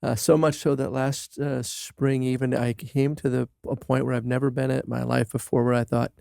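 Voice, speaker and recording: Guy guest on church podcast, dry jokes, slow and thoughtful, bit gravelly. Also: medium pitch, level tone, mellow, no room sound. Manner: dry, understated humor, slow and reflective. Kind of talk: casual church podcast chat.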